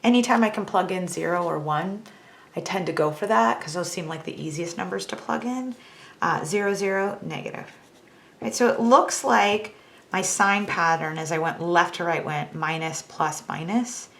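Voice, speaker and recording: A woman's voice: lowish voice, normal speed, gravelly, a bit bright. A woman teaching a math lesson, talking through each step on a calculator in a chatty, self-teasing way.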